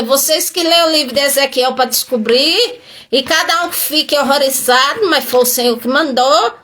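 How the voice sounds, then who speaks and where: A woman's voice: sits high, sharp tone. A woman pastor preaching a sermon, emphatic and full of rhetorical questions.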